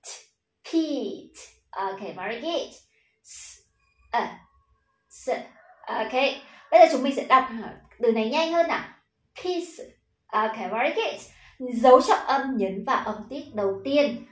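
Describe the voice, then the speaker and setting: A fairly high-voiced young woman with a Vietnamese accent leads children through pronunciation drills, saying words slowly and praising each try. Her voice rings in an echoey room. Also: expressive. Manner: encouraging, says "ok, very good" often, drills words slowly. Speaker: English pronunciation teacher. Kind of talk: teaching children pronunciation with call-and-response drills.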